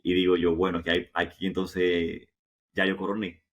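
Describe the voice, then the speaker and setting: A man with a fairly deep voice and a Dominican Caribbean Spanish accent. He recounts anecdotes casually, like a guest in an interview. He often repeats a phrase or asks a rhetorical question before carrying on. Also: little pitch movement, normal speed. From Dominican Republic. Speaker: interview guest, professional football goalkeeper.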